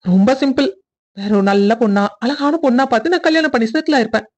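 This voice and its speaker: A woman's voice: on the high side, animated, quick pace, a little mellow. A woman voicing a playful young husband who teases his wife in a cartoon story. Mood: teasing. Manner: playful teasing.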